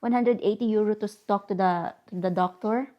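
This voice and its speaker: A woman's voice: medium pitch, normal speed, dull audio. A woman vlogger chatting casually, telling a story with lots of fillers and switching into English. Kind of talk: casual vlog chat.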